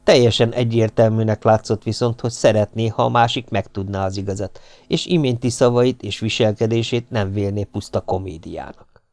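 A man reading an adventure novel aloud as an audiobook narrator, steady and even. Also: lowish voice, no room sound. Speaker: audiobook reader. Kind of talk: scripted narration.

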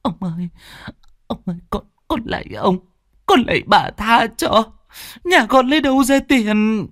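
A man voices a frightened young peasant woman, pitching above his own voice into a high, lively register as she stammers trembling pleas. He goes a little slowly with a fairly bright tone, recorded in clean studio sound with no room noise.

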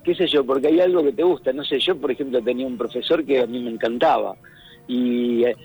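Husky Rioplatense man on the radio. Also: mid-range voice, fairly quick, a little mellow, low-quality recording. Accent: Rioplatense Spanish. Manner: thoughtful, searching for words, hums rhythms. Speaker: radio columnist. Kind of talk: casual radio talk. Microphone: phone line. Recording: radio broadcast, faint music.

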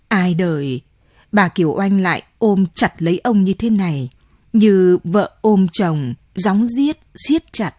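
Slow, husky woman narrating a novel. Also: mid-range voice, darkish tone, no echo. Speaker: audiobook narrator. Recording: dry close mic, faint music.

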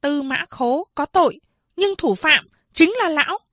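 Brief: woman doing a shrill scolding shrew, storybook. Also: expressive, a bit bright, no room sound. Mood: furious. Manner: shrill, scolding, rapid accusations. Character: shrewish middle-aged woman official, furious, scolding.

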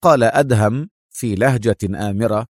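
A man's voice: medium pitch, expressive, moderate pace, no room sound, clean studio sound. A man narrating an action thriller audiobook in a vivid storytelling manner.

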